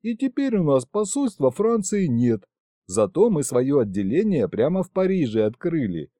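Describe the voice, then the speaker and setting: A man narrating a story in the first person with a wry, expressive delivery. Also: fairly high pitch, normal speed, dry recording, studio quality. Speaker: audiobook narrator.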